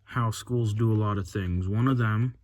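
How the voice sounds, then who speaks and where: A man's voice: fairly low pitch, normal speed, darkish tone. Rambling teenage boy vlogging inside a closet, noisy recording. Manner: rambling and hesitant, often losing his thread. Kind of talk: casual unscripted chat.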